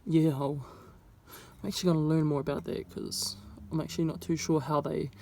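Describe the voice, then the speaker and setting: A woman's voice: deep voice, steady tone, fairly quick, creaky, dark tone, a little hiss or hum. Young New woman. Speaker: vlogger. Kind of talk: casual vlog talk to camera. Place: indoors, speaking to camera.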